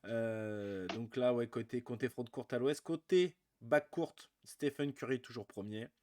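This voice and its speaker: A man, his voice sitting at an ordinary middle pitch. He co-hosts a casual live basketball show, chatting loosely with lots of hesitations and fillers. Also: a little slow, a little hiss or hum. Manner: relaxed, many fillers, talks through vote rankings. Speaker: podcast co-host.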